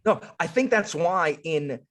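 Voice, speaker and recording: A man, a guest on a casual panel discussion, talking with animated, filler-heavy enthusiasm. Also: on the high side, measured pace.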